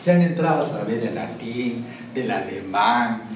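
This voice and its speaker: A man gives a rambling, friendly classroom lecture, chuckling at his own jokes and checking in with his listeners. He sounds far from the mic in a very echoey room. Steady background noise runs under the recording. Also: medium pitch, measured pace. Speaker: teacher of Sanskrit and language.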